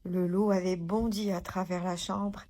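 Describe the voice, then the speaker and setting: A woman reading a children's storybook aloud, gentle and expressive. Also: lowish voice, unhurried.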